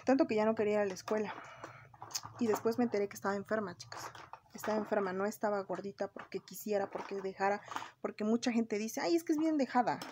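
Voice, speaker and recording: A woman's voice: mid-range voice, a little hiss or hum. A young woman with a Mexican Spanish accent, chatting casually and confidingly to her viewers while she does her makeup. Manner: chatty, confiding, often calls viewers "my girls". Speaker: beauty vlogger.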